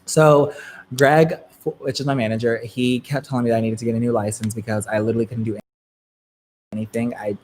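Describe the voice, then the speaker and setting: A young man in his twenties spins a casual story for his live stream viewers. His voice sits at a middle pitch, with a faint hiss behind it. He is chatty and loose, laughing often and jumping between loud and quiet. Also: little pitch movement, brisk. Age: 20s. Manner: chatty, filler-heavy, frequent laughs, swings between loud and soft.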